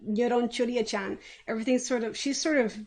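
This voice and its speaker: A woman in her thirties, the artist and co-creator, chatting casually on a stream in a rambling, relaxed way with fillers. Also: fairly high pitch, a little fast.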